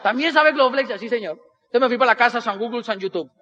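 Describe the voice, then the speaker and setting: A man's voice: extremely high pitch, quick pace, muffled recording, a little hiss or hum. A Colombian man telling a humorous life story to an audience, acting out the people in it. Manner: animated, acts out other people's voices in dialogue.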